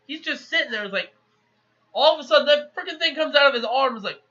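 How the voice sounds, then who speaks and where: A high-voiced man with a very bright, sharp tone talks through a movie's plot in a loose, chatty recap. The recording is a little muffled and lo-fi. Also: fast. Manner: chatty, animated, acts out characters. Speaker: movie reviewer. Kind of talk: casual rambling plot recap.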